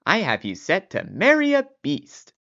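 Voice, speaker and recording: A performer voicing an eccentric, excitable and timid old man in a storybook tale. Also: medium pitch, unhurried, highs cut off, voice pushed up, full character voice. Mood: cheerful.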